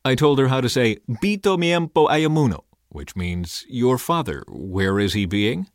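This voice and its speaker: Earnest low-voiced man narrating a memoir. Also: dry recording, studio quality. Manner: measured, earnest storytelling. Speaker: audiobook narrator. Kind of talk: first-person memoir narration.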